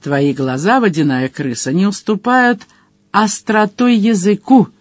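A reader voicing an old, learned male turtle wizard who speaks in a dry, measured, reproving way in an audiobook. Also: medium pitch, dry recording, close to an everyday voice. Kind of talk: audiobook character voice.

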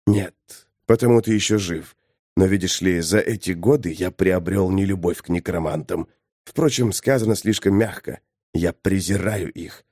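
Man playing a menacing hired killer, low quiet voice, measured threats, audiobook, dry sound. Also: no room sound. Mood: threatening.

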